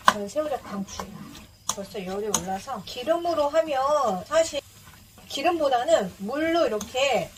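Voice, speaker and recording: High-voiced woman narrating home cooking over noise. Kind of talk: casual cooking narration while cooking. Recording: noisy kitchen with chopping and clicks.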